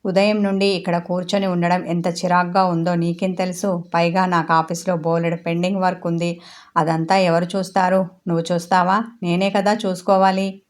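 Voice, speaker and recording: A bitter, egotistic young husband lashing out in a resentful rant, read by a woman in her low, flat narrating voice. His accusations stay on one steady, even level. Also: normal speed, lightly acted.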